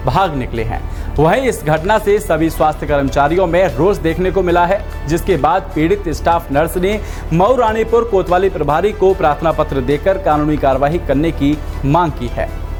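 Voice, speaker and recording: Guy reading the news bulletin, kinda high voice, soft music under it. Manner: formal, steady bulletin delivery. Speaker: news anchor. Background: faint background music.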